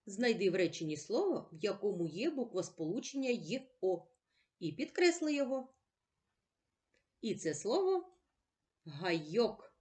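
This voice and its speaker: A woman teacher giving a slow, patient reading lesson for children, asking questions and answering them herself. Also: medium pitch, big pitch swings, darkish tone. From Ukraine.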